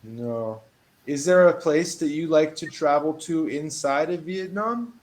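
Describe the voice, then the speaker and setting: An English tutor gives a one-on-one lesson over a video call, patient and encouraging as he reads model phrases with lively emphasis. His voice is a little high and unhurried, and there's a faint hiss or hum in the audio.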